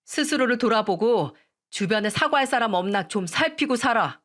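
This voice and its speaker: In a read-aloud radio drama, a woman voices a bitter divorced man scolding his ex-wife with scorn and contempt. Her voice is fairly high, animated and fairly bright, at normal speed.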